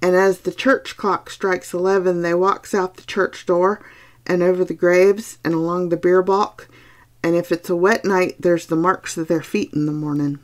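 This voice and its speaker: A woman voicing an old peasant housekeeper woman who is placid and superstitious, speaking slowly in a hushed rural dialect. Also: lowish voice, steady tone, lightly acted. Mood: hushed ominous.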